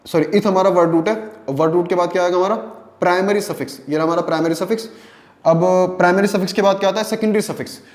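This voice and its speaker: A man's voice: sits high, steady tone, quick pace, reverberant. A man teaching chemistry in a lecture, asking questions and answering them himself, repeating key terms and mixing English terms into his speech. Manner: mixes English terms into Hindi.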